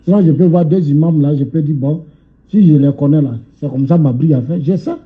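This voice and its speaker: A man's voice: fairly high pitch, fairly quick. A man speaking bluntly in a recorded phone message. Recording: tinny phone line.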